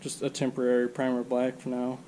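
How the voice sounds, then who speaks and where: Man, stuffed-up nose, mellow voice, relaxed rambling garage talk, faint background noise. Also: medium pitch, brisk, low-quality recording. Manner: relaxed, rambling, thinks aloud with fillers. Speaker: car restoration vlogger. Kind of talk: casual workshop commentary. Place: home workshop garage.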